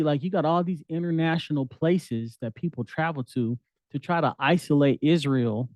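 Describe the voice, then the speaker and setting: A man's voice: on the high side, dry recording, muffled recording. Casual man teaching scripture. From United States. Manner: conversational, street slang, reads scripture aloud. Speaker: Bible teacher.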